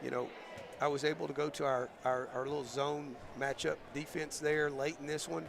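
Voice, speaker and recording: Man, basketball coach, gravelly, going hoarse, restarts a lot, gym crowd behind. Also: fairly high pitch, flat delivery. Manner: thoughtful, halting, many fillers and restarts. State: losing his voice. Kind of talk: postgame interview.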